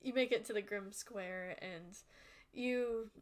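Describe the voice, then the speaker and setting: A woman's voice: medium pitch, slow. A woman narrates a tabletop game as game master. She is chatty and giggles often, filling her descriptions with ums and likes.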